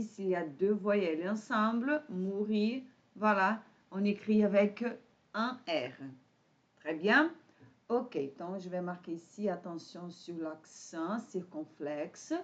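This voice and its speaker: A woman with a Brazilian Portuguese accent teaching an online French lesson, patient, with pauses and fillers. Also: mid-range voice. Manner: switches to Portuguese to explain. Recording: dull lo-fi sound.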